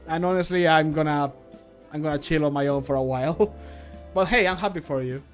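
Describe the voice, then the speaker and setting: With music running behind him, this streamer and amateur voice actor talks informally to his livestream as he works, cracking jokes and cursing. His voice is slightly high and his pace fairly quick.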